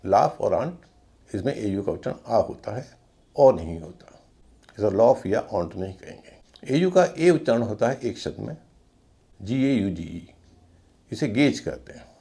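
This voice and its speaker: A man teaching English pronunciation, slowly spelling out words letter by letter and repeating each one. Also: fairly low pitch, big pitch swings, creaky, warm tone.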